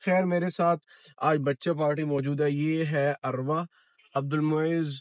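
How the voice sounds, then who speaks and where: A man in his thirties with a fairly high, steady voice vlogs casually from his car and the kitchen of his cafeteria in a Gulf city. He is devout and fills his talk with religious phrases, and the recording has no echo.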